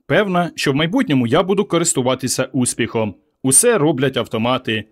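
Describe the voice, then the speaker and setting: A man voicing an eager, excitable young woman in a storybook reading, shrill and quick to cheer. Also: natural voice.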